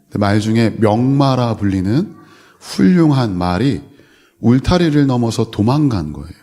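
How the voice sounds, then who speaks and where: A man's voice: mid-range voice, sing-song, normal speed, mellow. A man who is a pastor preaching a sermon to young people, telling a story and speaking directly to his listeners. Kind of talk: sermon to youth.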